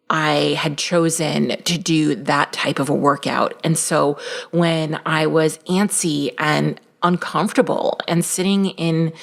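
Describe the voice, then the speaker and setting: A woman hosting her own business podcast, talking in an energetic, straight-talking coaching manner, with a morning voice just after a workout. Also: low voice. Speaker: podcast host. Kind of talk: solo business podcast talk.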